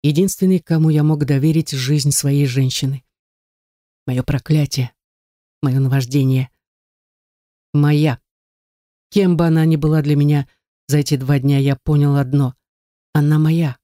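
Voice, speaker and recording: A man narrating a novel in the first person, intense and brooding, slowing down on emotional phrases. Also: fairly high pitch, fairly even intonation, mellow, no room sound, studio quality. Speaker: audiobook narrator.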